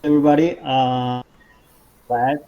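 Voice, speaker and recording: A man calling in to a live stream as a senior environment artist, his words halting and broken up by a mic that keeps cutting out. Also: medium pitch, steady tone. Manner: halting, fragmented greetings. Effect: mic cutting out, crackly broken audio. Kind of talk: remote call-in on a live dev stream. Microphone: remote call mic. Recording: dull lo-fi call audio that keeps dropping out.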